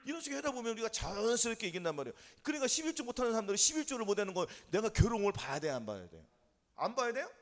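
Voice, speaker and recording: High, fast-talking preacher. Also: male voice, sing-song, big-room sound. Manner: drilling call-and-response questions. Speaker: pastor. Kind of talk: sermon. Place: church sanctuary.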